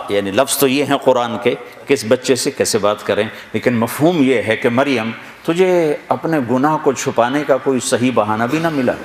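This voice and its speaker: Man preaching in an echoing hall. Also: mid-range voice. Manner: dramatic retelling, slowly recites scripture verses. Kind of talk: storytelling sermon. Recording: echoey hall with long reverb, faint noise.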